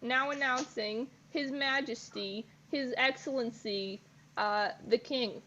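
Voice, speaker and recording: Nervous peasant boy herald, stumbling words, high voice, played by a woman, lo-fi faint hiss. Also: slow pace, sharp tone. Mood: eager. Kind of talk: improvised comedy acting. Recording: dull lo-fi recording, faint noise.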